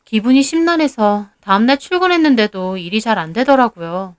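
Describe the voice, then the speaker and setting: A woman's voice: fairly high pitch, animated, a little fast, clear, resonant tone, no echo, clean studio sound. Aggrieved woman telling her story. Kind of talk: first-person story narration.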